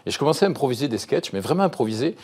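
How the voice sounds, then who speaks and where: A middle-aged man, a musician and comedian, talking as a guest in a casual TV interview, lively and often restarting his sentences. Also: mid-range voice, racing, husky.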